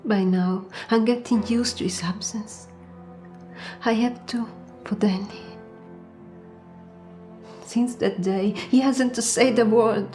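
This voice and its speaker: A weary grieving sister. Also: female voice, a little high, fairly even intonation, takes it slowly, long pauses, dark tone, faint music behind. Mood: sombre. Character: grieving sister and mother, a writer's widow. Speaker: film character, older sister. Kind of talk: film acting.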